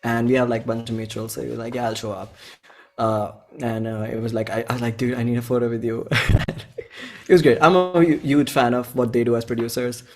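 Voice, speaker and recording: A young Indian man in his twenties from Bhopal, an indie musician appearing as an interview guest, chats casually in an enthusiastic, effusive, slangy manner with an Indian accent. His voice is medium-pitched, steady, fairly quick and darkish in tone.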